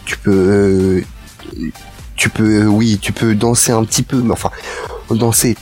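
A man's voice: on the low side, steady tone, unhurried, a little mellow, faint music behind. A man hosting a casual radio chat show, talking in a hesitant way with many fillers and restarts.

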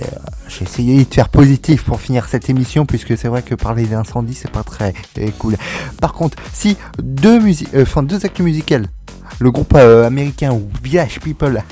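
A man's voice: mid-range voice, warm tone. A young man hosting a casual radio show, reading music news with many fillers and joking asides.

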